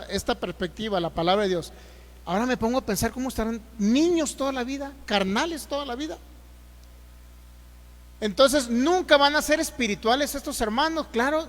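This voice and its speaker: A male pastor with a Mexican accent preaching a sermon, reading scripture slowly and loudly and then explaining it with rhetorical questions. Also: very high-pitched, long reverb tail. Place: church hall.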